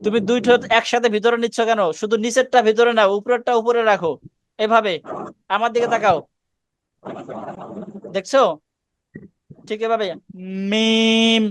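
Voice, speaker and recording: A man's voice: very high voice, steady tone, normal speed, pauses often, no room sound. A man teaching Quran recitation on a video call, coaching students and correcting them with short repeated commands. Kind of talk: online class instruction.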